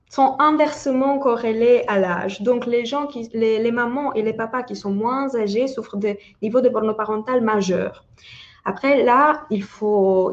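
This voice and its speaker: A woman's voice: on the high side, darkish tone, highs cut off. A woman from Italy who speaks French with an Italian accent, explaining research as an expert in a webinar, with frequent restarts and hesitations. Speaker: parental burnout researcher.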